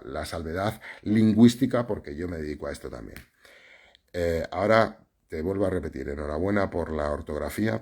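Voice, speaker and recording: Spanish guy teaching journalism on a live stream, deep husky voice, chatty, keeps tacking on "right?". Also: darkish tone. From Spain. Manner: conversational, explanatory, many fillers and tag questions.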